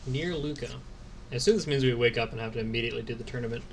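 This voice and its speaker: A man's voice: mid-range voice, racing, a little hiss or hum. A man hosting a game playthrough with casual, wry, riffing commentary. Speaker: host playing through a video game.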